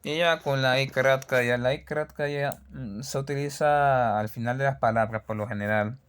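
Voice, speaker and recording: A man teaching a language lesson, patiently repeating words and sounds slowly for learners. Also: mid-range voice, steady tone, fairly bright tone, clean tone.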